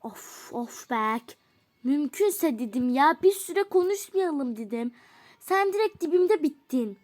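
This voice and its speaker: A woman's voice: high-pitched, expressive, slow, darkish tone. A woman voicing an angry teenage girl who scolds her boyfriend with exasperated sighs in a doll role-play story. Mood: scornful. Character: angry teenage girl, hurt and scornful girlfriend.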